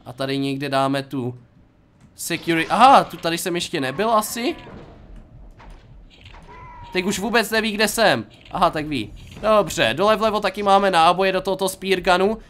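A man's voice: high voice, pauses often, fairly bright tone, a little hiss or hum. A young Czech man giving playful, jokey commentary while playing a game, talking to himself and to his viewers. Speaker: gaming YouTuber. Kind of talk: casual gameplay commentary.

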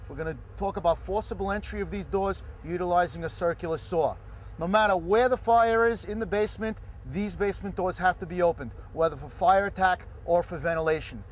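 A man's voice: sits high, a little hiss or hum. A man hosting a fire service training video, giving direct and emphatic safety advice outdoors at a training prop. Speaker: fire service instructor, show host.

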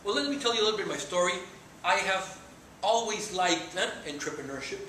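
High-pitched, animated, and brisk, a Mexican man in his forties speaks with a bright, forceful tone, his Mexican accent showing his native Spanish. As a guest speaker he earnestly addresses students in a lecture room and gestures while talking. The far camera gives echoey, noisy sound from a distance.

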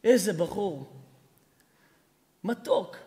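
A man's voice: high voice, expressive, dark tone. A man giving a colloquial sermon as a rabbi, telling stories with impassioned, rebuking delivery. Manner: impassioned, acts out quoted dialogue, rising to rebuke. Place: synagogue or hall before an audience. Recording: long hall reverb.

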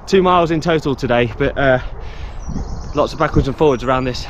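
A woman's voice: extremely low pitch, a little fast. A woman chatting casually on a vlog outdoors at a sports field, laughing at her own slip-ups. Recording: loud outdoor noise.

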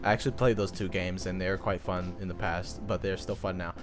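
A young man giving excited, playful gameplay commentary, shouting at the game now and then. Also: sits low, a little fast. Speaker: gaming video creator. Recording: game music playing softly behind.

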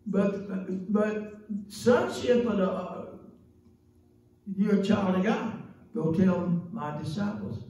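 An older man delivers a slow, folksy sermon into a handheld mic in a small church. His voice sits high yet mellow. The sound is very echoey and a bit distant, as if caught from across the sanctuary. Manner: folksy, chatty preaching with frequent "praise God" and laughs. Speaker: preacher. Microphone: handheld microphone.

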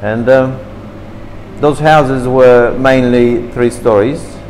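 With a medium-pitched voice and slow delivery, a Turkish man in his fifties chats eagerly in imperfect English about his younger years, hands in motion. The interview takes place indoors at a café table, recorded on a camera across from him. Audio quality is poor, with a big-room sound and slight background noise.

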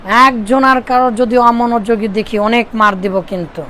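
A man's voice: very high-pitched, fairly even intonation, moderate pace, bright, forceful tone, a little hiss or hum. A man from Bangladesh teaching Arabic grammar to a classroom of pupils, drilling and repeating phrases for them to echo.

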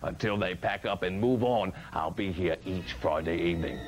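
A low-voiced man plays a campy late-night horror host, a mad old monk delivering theatrical, joking patter packed with puns at a moderate pace. It's a 1980s TV broadcast from a small studio set, with music behind him and slight background noise.

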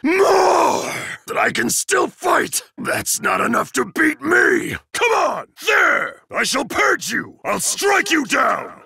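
Ira Gamagori, booming forceful disciplinarian. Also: male voice, very animated, slow pace, vocal fry, dry recording, studio quality, heavily acted. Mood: battle fury. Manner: booming, bombastic, formal, emphatic declarations. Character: huge, stern, zealous disciplinarian student enforcer, male. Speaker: video game voice actor. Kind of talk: anime fighting game voice lines.

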